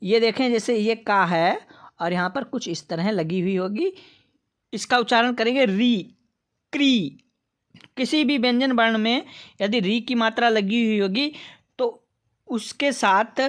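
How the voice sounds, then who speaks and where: Slow, patient woman teaching. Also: fairly high pitch. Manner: patient, addresses viewers as friends. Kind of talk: slow lesson reading syllables aloud.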